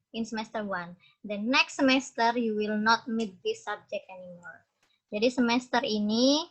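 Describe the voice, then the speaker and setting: Bright, unhurried Indonesian-accented woman lecturer. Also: a little high, rough recording. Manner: switches between English and Indonesian, explains terms patiently. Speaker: university lecturer. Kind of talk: online class lecture.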